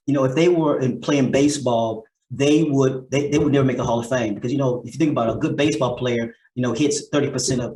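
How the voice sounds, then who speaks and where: A man's voice: medium pitch, a little mellow, reverberant, rough recording. A middle-aged man hosting an interview who talks in a loose, rambling way, restarting his sentences often. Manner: rambling, with many restarts and "you know"s. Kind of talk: casual conversation.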